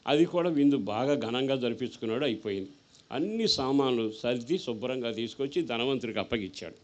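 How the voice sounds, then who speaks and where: A man's voice: medium pitch, brisk. Telugu-accented man preaching a story sermon. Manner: storytelling with voiced characters, questions to the audience; rises to loud exhortation.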